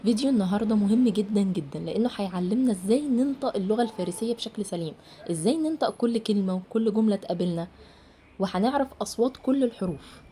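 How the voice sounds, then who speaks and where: A woman with an Egyptian Arabic accent teaching a Persian pronunciation lesson, slowly repeating each sound and example word. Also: mid-range voice, animated, mellow, a little hiss or hum.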